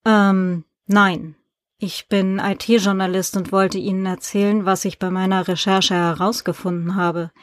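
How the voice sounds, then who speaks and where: A woman's voice: mid-range voice, little pitch movement, unhurried, no room sound, clean studio sound, lightly acted. A woman reading a polite male journalist. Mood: explaining. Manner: polite, businesslike questioning.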